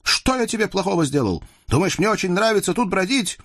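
A man's voice: high voice, expressive, fairly quick, a bit bright, slightly rough, no room sound, clean studio sound, pitched above the performer's own voice, heavily acted. A man doing a proud hot-headed young horseman. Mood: earnest. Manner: boastful, indignant. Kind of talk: storybook reading with voices.

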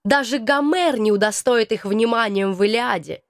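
Young female audiobook narrator, ironic first-person read, high-pitched, close dry recording. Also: normal speed, no echo. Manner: wry, ironic storytelling.

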